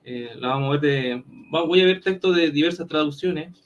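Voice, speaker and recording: A Chilean man presenting his side in an online debate, earnest and deliberate with some hesitations. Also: fairly high pitch, highs cut off, slight background noise. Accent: Chilean Spanish.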